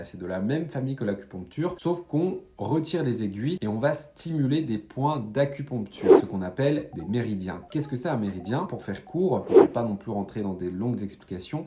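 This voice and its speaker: A young man, a certified practitioner, explaining a self-help method to viewers in a lively, direct way. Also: medium pitch, reverberant. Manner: lively, direct, addresses viewers, frequent fillers. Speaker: certified EFT practitioner and channel host. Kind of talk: casual explanatory video talk.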